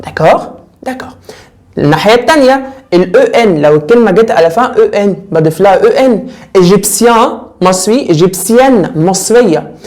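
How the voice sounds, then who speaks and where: A young man with an Egyptian Arabic accent teaching French grammar in a casual, lively way. He keeps repeating words and putting questions to his students. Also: high-pitched, fast. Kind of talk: casual classroom lesson.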